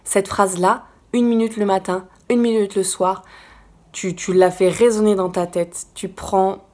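A woman's voice: mid-range voice, steady tone, unhurried, mellow. A woman vlogger giving casual, encouraging advice straight to the viewer, chatty with frequent fillers. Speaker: lifestyle vlogger.

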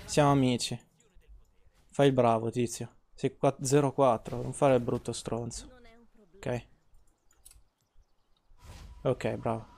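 A man's voice: mid-range voice, little pitch movement, slow, gravelly, long pauses, darkish tone. A man, streaming gameplay and ranting at his chat, swearing freely and teasing. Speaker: game streamer. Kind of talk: casual live-stream gameplay commentary.

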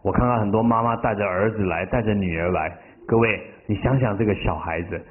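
A man as a Buddhist master giving a sermon and telling stories, drawing out the ends of his phrases with feeling. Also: on the low side. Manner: drawn-out emotional phrase endings. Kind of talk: sermon with storytelling. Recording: tinny phone-like sound.

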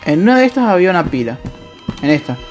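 A man with an Argentine accent commenting on a horror game as he plays, jumpy and excitable, yelping, laughing and swearing casually. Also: high-pitched, quick pace, faint music behind. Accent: Argentine Spanish. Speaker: gameplay streamer.

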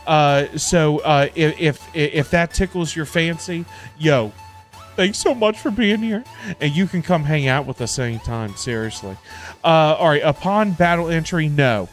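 This casual gaming stream comes from an indoor home setup, where a middle-aged American host chats over background music. He sounds animated, with a voice on the high side and a measured pace, rambling and repeating himself in slangy speech.

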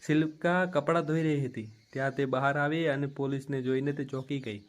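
A man telling a dramatic family story as a steady, plain storyteller. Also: medium pitch, brisk.

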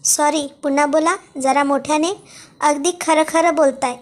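A woman voicing a defiant young woman who confronts her absent father in a cold, sharp, cutting voice. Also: sits high, fairly even intonation, moderate pace, lightly acted. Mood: icy, accusing.

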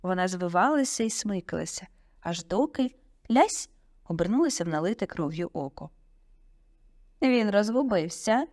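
A woman narrating an audiobook in a vivid, expressive storytelling manner on a close studio mic. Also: lowish voice, a little fast, no room sound.

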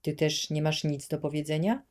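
A woman voicing a cruel, bullying male administrator who shouts threats at children, in an audiobook reading. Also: low voice, fairly even intonation, normal speed, close to an everyday voice. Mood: menacing.

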